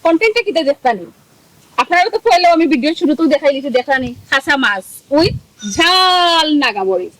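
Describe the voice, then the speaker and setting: An actress with a Sylheti accent playing a young wife who talks in an excitable, pleading way. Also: female voice, high voice, fairly quick, no room sound, rough recording. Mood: chatty. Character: young wife caught between husband and mother-in-law.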